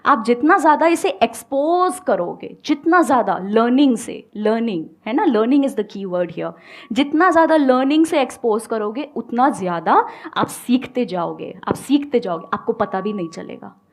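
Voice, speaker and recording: A woman coach speaks from a stage to an audience. Her voice sits a little high, and she sounds calm and reassuring. She moves easily between Hindi and English. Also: normal speed. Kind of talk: motivational stage talk with audience questions.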